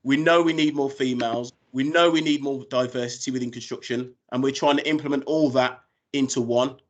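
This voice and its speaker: A man's voice: mid-range voice, fairly even intonation, brisk, highs cut off. A British man giving an informal business presentation as a recruiter on a video call. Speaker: recruiter presenting job opportunities.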